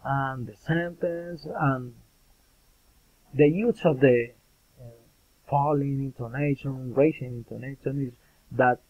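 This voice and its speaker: A man, a student, reading intonation example sentences aloud in a careful, halting way. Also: medium pitch, steady tone, no echo. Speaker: student presenting a pronunciation assignment. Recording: tinny phone-like recording.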